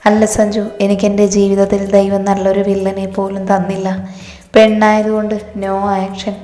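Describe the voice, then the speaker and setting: A woman voicing a moody, dramatic young man in a storybook, in an even, flat reading. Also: mid-range voice, normal speed, natural voice. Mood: sad. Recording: reverberant room with faint music.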